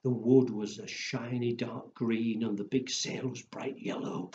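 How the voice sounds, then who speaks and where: This children's storyteller has a mid-range, slightly mellow voice, steady and unhurried. He shares stories and rhymes with young children playfully and simply, acting out woofs and exclamations, recorded in an echoey room with dull sound and faint noise.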